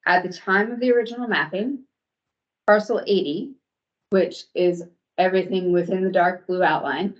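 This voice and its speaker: A woman on the commission staff gives a formal, measured briefing with a few hesitant ums, heard through remote video-call audio from a recorded online meeting. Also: fairly low pitch, dull audio.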